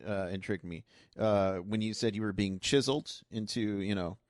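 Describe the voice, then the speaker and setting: Low-voiced host asking rambling questions. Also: male voice, fairly even intonation, normal speed, dry recording, clean studio sound. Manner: rambling questions, laughs along. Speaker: podcast host. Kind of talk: podcast interview.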